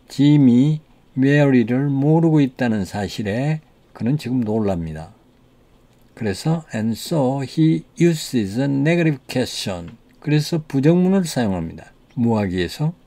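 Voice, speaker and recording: Korean man, english teacher, lively pitch, gravelly, slow. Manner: explains in Korean, reads English sentences slowly with stress. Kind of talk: language lesson explaining English pronunciation.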